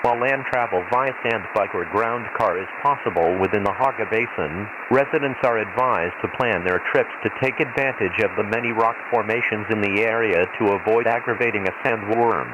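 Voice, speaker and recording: Through a radio-transmission filter, a man with a lowish voice reads a scripted emergency weather bulletin as an impersonal imperial announcer on a desert planet. The delivery is formal and measured, like automated weather radio, and the audio is dull, hissy and noisy like shortwave.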